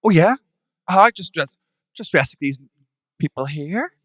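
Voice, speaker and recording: A man with a Northern Irish accent, a drag performer and guest, trading camp, sharp-tongued quips on a live podcast. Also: on the high side, animated, unhurried, no room sound, clean studio sound. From Northern Ireland.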